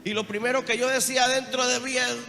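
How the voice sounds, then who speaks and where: Costa Rican male preacher, high pitch, emotional sermon, long reverb of a church hall. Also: flat delivery, fast talker. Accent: Costa Rican Spanish. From Costa Rica. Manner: emotional testimony, swings from hushed to loud cries. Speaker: apostle preaching. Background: soft guitar music.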